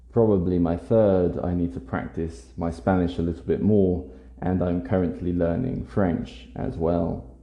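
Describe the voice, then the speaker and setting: A young man from Scotland speaks with a generic British accent, low and gravelly with a dark, mellow tone. He chats in a relaxed, rambling way, an English teacher telling his own story to learners, and the room around him is echoey. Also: lo-fi sound. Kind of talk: casual monologue for language learners.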